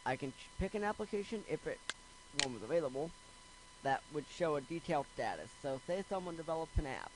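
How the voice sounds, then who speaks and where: A man's voice: a little high, animated, fairly quick, noisy background. A man hosting a casual, rambling computer screencast tutorial, with jokey, self-deprecating asides. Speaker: screencast host.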